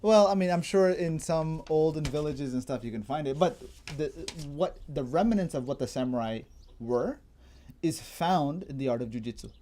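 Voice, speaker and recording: A man's voice: a little high, normal speed, dark tone, a little hiss or hum. A man hosting a casual chat, explaining things at length, laughing often and trailing off mid-sentence. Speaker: fitness trainer and host.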